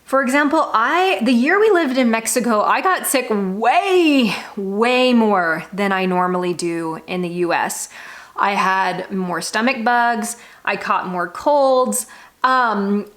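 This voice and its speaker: Her voice leans high with a fairly bright tone as this U.S. travel vlogger addresses viewers directly. She talks candidly and informally, in a frank, emphatic monologue.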